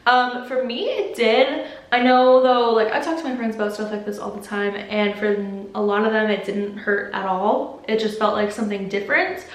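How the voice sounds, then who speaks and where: A woman's voice: on the high side, normal speed. A young adult woman answering viewer questions in a casual vlog, candid and chatty, filling her talk with "like". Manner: candid, chatty, heavy use of "like". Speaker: vlogger. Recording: roomy echo.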